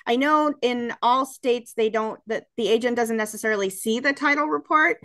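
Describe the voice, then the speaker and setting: Higher-voiced woman hosting a meeting. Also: moderate pace, a bit bright. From Ohio. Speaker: meeting host. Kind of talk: online meeting introduction.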